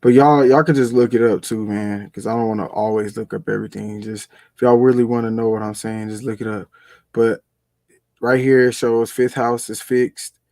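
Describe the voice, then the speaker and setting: A man's voice: medium pitch, steady tone, normal speed, a little mellow, no room sound. A man, explaining ideas in a loose, conversational way as co-host of a spiritual talk. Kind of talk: casual spiritual discussion.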